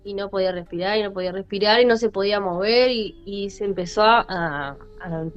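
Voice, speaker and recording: A woman's voice: mid-range voice, fairly quick. A woman with a Rioplatense Spanish accent hosting a podcast, telling a story casually and animatedly, with many fillers and repetitions. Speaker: podcast host. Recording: lo-fi with faint music.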